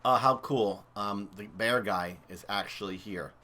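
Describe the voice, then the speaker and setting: A man's voice: lowish voice, a little slow, sharp tone, a little hiss or hum. Chatty man commentating gameplay. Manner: chatty, enthusiastic, thinks aloud. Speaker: game streamer.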